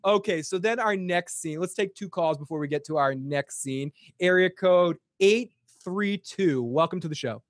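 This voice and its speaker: A man's voice: high-pitched, moderate pace, no room sound, clean studio sound. A man with a Boston accent hosting a casual recap show with call-ins, talking enthusiastically and swearing freely. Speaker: podcast host.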